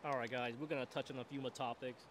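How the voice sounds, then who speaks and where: A man's voice: medium pitch, fairly even intonation, quick pace, noisy background. A man in his forties hosting a solo podcast outdoors, talking in a rambling, reflective way and saying "you know what I mean" over and over. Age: 40s. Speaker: podcast host. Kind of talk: casual solo monologue. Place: outdoors, seated in a camp chair in a river. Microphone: boom mic on a stand.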